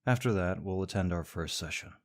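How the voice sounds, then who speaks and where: In a scripted audio roleplay, a young man voices a smug rival co-worker, sarcastic and teasing. His voice sits low and moves a little fast.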